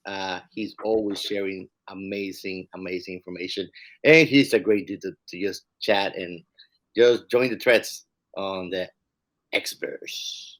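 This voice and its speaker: A man's voice: deep voice, fairly even intonation, measured pace, a bit bright. A man co-hosting a podcast in loose, joking casual chat. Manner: playful, joking, trails off into slang. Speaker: podcast co-host.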